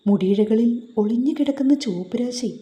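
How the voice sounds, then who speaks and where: A woman narrating a romance story in a slow, steady reading voice. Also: on the high side. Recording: roomy echo.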